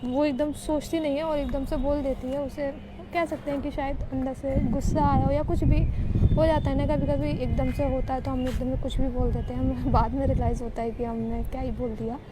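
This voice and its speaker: High-pitched woman, chatty storytelling, lots of fillers, noisy recording. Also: flat delivery, fairly quick. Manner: chatty, retells dialogue with many fillers. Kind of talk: casual spoken storytelling.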